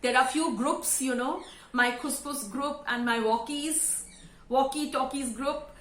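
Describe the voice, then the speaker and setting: A woman of about fifty with an Indian English accent, giving a sincere, emotional thank-you speech to camera with halting fillers. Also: high-pitched, a bit bright. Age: around 50. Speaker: vlogger and school teacher. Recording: roomy echo.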